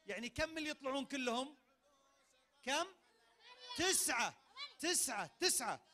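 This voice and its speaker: A man with a Saudi accent hosting a crowd party game in a big event tent, talking into a handheld mic and barking sudden commands. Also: extremely high pitch. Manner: energetic, barks sudden commands. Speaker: game host at a public event. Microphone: handheld microphone.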